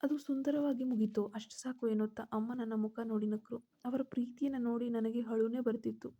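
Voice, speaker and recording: A woman's voice: a little high, steady tone, fairly quick, warm tone, slightly rough, dull audio. A woman narrating a first-person story and voicing the characters' lines herself.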